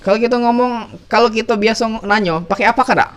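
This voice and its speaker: A man's voice: high-pitched, fast. A man teaching a class, playful and calling on students by name. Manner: playful, calls on students by name, asks questions. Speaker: English teacher. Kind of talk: classroom review lesson.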